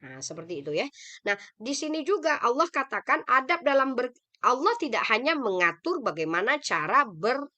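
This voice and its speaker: Bright-voiced woman teaching scripture. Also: a little high, sing-song, moderate pace. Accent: Indonesian. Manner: explanatory, asks the audience questions and answers them. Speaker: religious teacher. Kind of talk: Quran study lecture. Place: online meeting. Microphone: video call.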